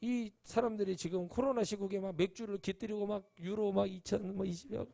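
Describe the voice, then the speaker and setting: A male pastor preaching a sermon emphatically, jumping to sudden high exclamations and acting out quoted voices. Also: fairly even intonation, brisk, gravelly, warm tone.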